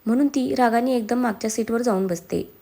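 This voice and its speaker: Reading a family story aloud, a woman narrates and voices every character herself. Her voice is fairly high and a little fast, with a creaky, dark tone.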